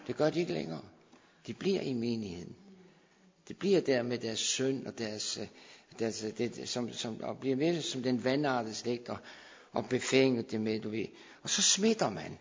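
A man preaching a fervent sermon in a church hall, exhorting, with sudden loud swells and low drops. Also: vocal fry, husky. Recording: dull, long-reverb hall sound.

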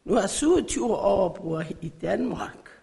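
A middle-aged woman from Iran, giving an emotional church faith testimony in halting phrasing. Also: mid-range voice, lively intonation, creaky, dark tone. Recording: echoey hall.

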